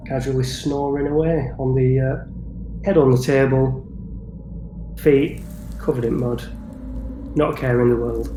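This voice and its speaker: A man narrating as dungeon master, relaxed and halting with fillers. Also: medium pitch, reverberant, slight background noise, rough recording. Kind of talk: narrating a tabletop game.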